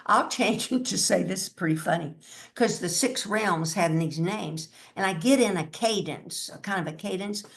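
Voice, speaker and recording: A woman's voice: medium pitch, moderate pace, vocal fry. A woman, older, giving a spiritual talk in a musing way, chanting mantras now and then. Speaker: spiritual teacher.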